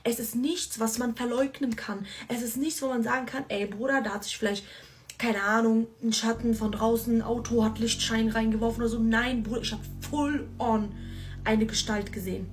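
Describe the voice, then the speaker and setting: A woman recounts her own scary encounter in a casual, slang-filled way, turning to her listeners again and again. Her voice sits a bit high, and faint music plays underneath. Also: moderate pace. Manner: excited, slangy, addresses listeners directly. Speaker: storyteller. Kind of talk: casual first-person scary story.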